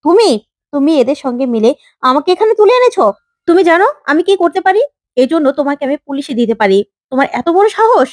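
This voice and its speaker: A woman voicing a haughty, sharp-tongued young woman boss in a retold story, in an indignant, scolding manner. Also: high voice, lively intonation, quick pace, no room sound, clean studio sound. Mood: angry.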